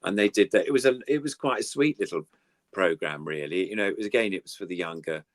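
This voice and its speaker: An older man, appearing as a guest puppeteer, chats casually and reminisces about old TV puppetry in a rambling, enthusiastic way. His voice is low and fast, and the clean studio sound has no echo.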